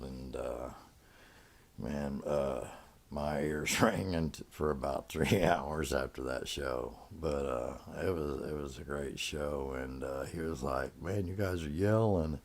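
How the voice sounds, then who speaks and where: A man's voice: very deep voice, steady tone, slow, gravelly. A middle-aged man casually telling rambling stories from his past, with lots of fillers and restarts. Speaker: storyteller. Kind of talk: casual spoken reminiscence.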